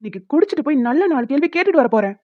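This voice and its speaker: Playing an indignant young man, an elder brother in a cartoon, a woman rants fast and blusters in a high, very animated voice. The recording is dull, lo-fi and dry, with no room sound.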